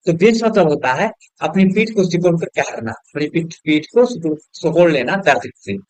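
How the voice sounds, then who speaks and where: A man teaching English grammar to students, his voice sitting a bit higher than most men's. He throws questions at the class and answers them himself, and he spells words out one letter at a time. The recording is close and dry, with no room echo. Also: expressive, normal speed.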